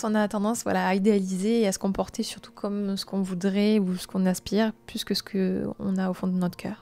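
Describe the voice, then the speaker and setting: A woman in her late twenties hosting a live-streamed self-help talk, speaking softly and gently, sometimes dropping to a near-whisper, with many reflective hesitations. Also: medium pitch. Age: late 20s. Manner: soft and gentle, drops into a near-whisper at times.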